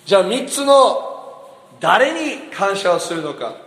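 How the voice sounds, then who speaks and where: Animated pastor preaching in an echoey hall. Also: male voice, high-pitched, a little slow. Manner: animated, asks the congregation questions, acts out quotes. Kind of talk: sermon.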